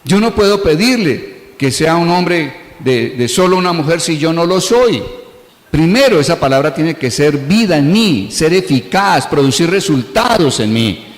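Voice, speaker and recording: A man's voice: fairly high pitch, very animated, a little slow. A man with a Colombian accent preaching a sermon as pastor, earnest and repetitive, mixing personal anecdotes with exhortation. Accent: Colombian Spanish. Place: large church hall. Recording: echoey church hall with long reverb.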